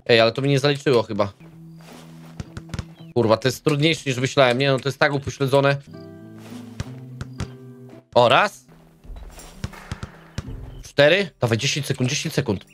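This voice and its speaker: A young man giving casual, excitable gameplay commentary, swearing and yelling at characters in the game. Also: medium pitch, normal speed, long pauses, faint music behind. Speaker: gaming video host.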